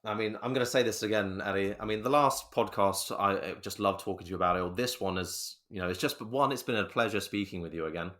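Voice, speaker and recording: A man with a fairly low voice hosts a podcast in a casual interview. He talks warmly and rambles, often restarting his sentences as he gathers his thoughts. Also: fast talker, hardly any pauses. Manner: warm, rambling, with many restarts. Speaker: podcast host.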